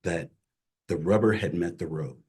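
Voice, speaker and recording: A middle-aged man, a chaplain, telling his personal faith story as an interview guest in an earnest, emotional way that drops to a hush at hard moments. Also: deep voice, normal speed, husky. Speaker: chaplain and CPE director, guest.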